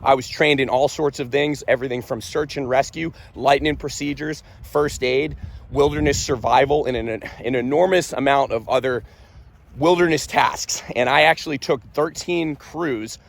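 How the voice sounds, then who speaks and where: A man's voice: mid-range voice, moderate pace, creaky. A young man speaking candidly and earnestly about his own Army experience, in a casual storytelling way. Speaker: vlogger and Army veteran. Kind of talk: casual first-person storytelling.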